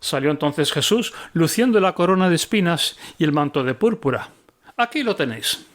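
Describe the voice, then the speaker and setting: A man who teaches the Bible, reading his book aloud with commentary, expressive and with occasional slips. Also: fairly high pitch, normal speed.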